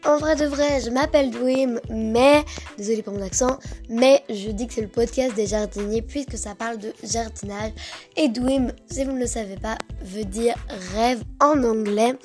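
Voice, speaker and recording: A woman's voice: fairly high pitch, moderate pace, a little mellow, faint music behind. A young woman hosting a casual gardening podcast, talking with many fillers and restarts. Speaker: podcast host.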